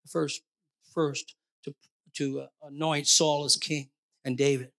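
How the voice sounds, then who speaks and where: High-voiced man preaching with fervor. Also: little pitch movement, a little slow, creaky. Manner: call-and-response questions to the congregation; swells to near-shouted emphasis. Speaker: pastor. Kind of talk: sermon.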